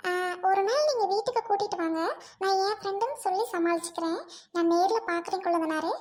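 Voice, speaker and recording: Woman playing a sweet young sister-in-law, super high thin voice, soft and comforting, home audio drama. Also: quick pace. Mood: reassuring. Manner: soft, reassuring, polite.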